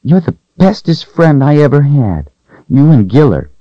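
A timid little girl, played by a man in a storybook reading, speaking softly with a wistful, fearful voice. The voice sits well above the reader's own deep register. The recording is dry and a little dull. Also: very animated, measured pace, no echo.

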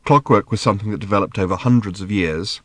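A man's voice: on the low side, fast, a bit bright, no room sound, clean studio sound. A man reading an audiobook voices a bewildered, mild-mannered father who explains things hesitantly. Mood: explaining. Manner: hesitant, apologetic.

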